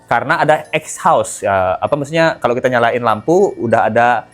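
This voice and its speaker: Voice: mid-range voice, expressive, brisk, soft background music. A channel host giving casual commentary and talking straight to viewers, with lots of fillers. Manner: chatty, filler-heavy, addresses viewers as guys.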